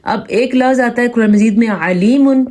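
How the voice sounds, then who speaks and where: A woman with a Pakistani Urdu accent teaching tajweed, explaining rules patiently and reciting verses slowly to demonstrate. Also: on the high side, darkish tone. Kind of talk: step-by-step tajweed lesson with slow recitation examples.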